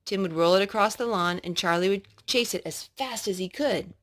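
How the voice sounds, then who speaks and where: This is a woman reading a children's book aloud with storyteller flair, directed at a child and punctuated by explanations and questions. Her pitch is medium.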